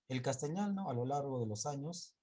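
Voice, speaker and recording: A man teaching an online class, lecturing slowly and haltingly, often stopping to correct himself. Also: medium pitch, mellow.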